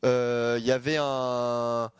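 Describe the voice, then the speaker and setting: A man's voice: medium pitch, little pitch movement, slow pace, clear, resonant tone, no echo, studio quality. A man doing live esports commentary as a caster, speaking emphatically and often repeating phrases for effect. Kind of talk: live esports commentary, excited play-by-play and analysis. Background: music under the voice.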